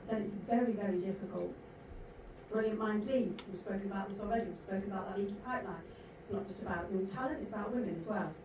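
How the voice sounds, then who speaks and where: A woman moderating a conference panel, delivering her points in an emphatic, rhetorical way. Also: medium pitch. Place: large conference hall. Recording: echoey hall from far off, noisy.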